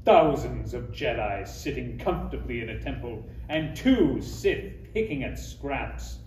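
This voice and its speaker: Man playing slow, pompous villain Count Roku. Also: mid-range voice, animated, darkish tone, lightly acted. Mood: smug menace. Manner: slow, pompous, deliberate delivery. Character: haughty male Sith villain count, menacing, theatrical. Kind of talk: comedy table read. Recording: roomy, distant mic, faint noise.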